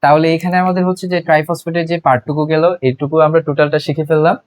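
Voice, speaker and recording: A man's voice: a little high, steady tone, racing. A young man with a Bangladeshi Bengali accent giving a biology lecture, explaining step by step and asking and answering his own questions. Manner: constant filler words, frequent restarts. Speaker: biology tutor. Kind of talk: classroom lecture.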